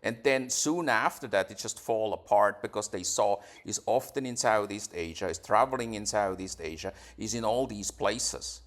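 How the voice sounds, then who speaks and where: With a fairly low voice at normal speed and barely a pause, a Swiss man in his forties, a YouTuber under questioning, responds defensively in a casual interview. He tends to repeat words and restart sentences.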